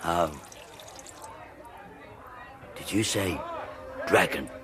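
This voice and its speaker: An actor playing a scruffy, cheeky lowlife watchman with a deadpan manner. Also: drawn-out words, a crowd in the background. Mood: wary.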